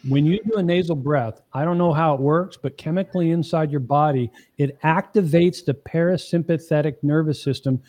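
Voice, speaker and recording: Earnest middle-aged man, higher voice. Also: normal speed, few pauses, a little mellow. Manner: earnest, explains step by step; emphatic, often asks the listener "okay?". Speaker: marriage coach guest. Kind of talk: podcast interview.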